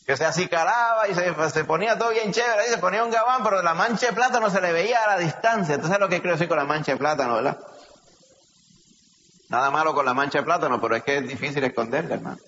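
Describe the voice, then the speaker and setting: A man with a Puerto Rican accent preaching a sermon, animated, asking rhetorical questions and calling listeners brother. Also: a little high, fast talker. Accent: Puerto Rican Spanish. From Puerto Rico. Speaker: pastor. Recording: echoey hall, slightly dull sound.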